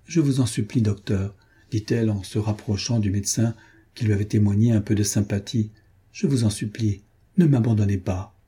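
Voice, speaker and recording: A man's voice: on the low side, moderate pace, dark tone, breathy edge. A man reading aloud voices a remorseful young woman who pleads earnestly and with feeling. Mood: imploring. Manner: emotional, imploring.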